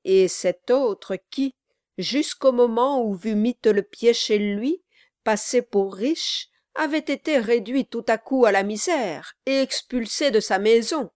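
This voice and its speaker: A woman reading aloud, voicing a stern gentleman who accuses a rival with growing exasperation. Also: on the high side, slow, dry recording, clean studio sound. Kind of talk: audiobook reading.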